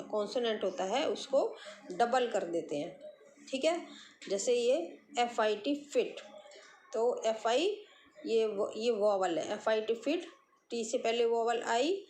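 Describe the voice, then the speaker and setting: A woman's voice: fairly high pitch, expressive, darkish tone. A woman teacher giving a grammar lesson to young pupils, spelling words out letter by letter and saying the terms. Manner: slow, spells words letter by letter, repeats "ठीक है". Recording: echoey room with faint background noise.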